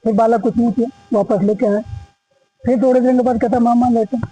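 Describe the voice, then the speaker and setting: High-voiced man telling a folk legend. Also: steady tone, quick pace, dark tone, breathy edge, poor audio. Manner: folksy, repetitive, acts out quoted dialogue. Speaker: storyteller of a religious legend. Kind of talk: casual oral storytelling. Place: ashram gathering.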